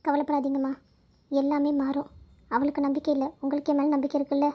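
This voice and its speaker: A woman voicing a kind young friend who speaks gently and reassuringly. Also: high voice, monotone, fast, lightly acted. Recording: dull lo-fi recording.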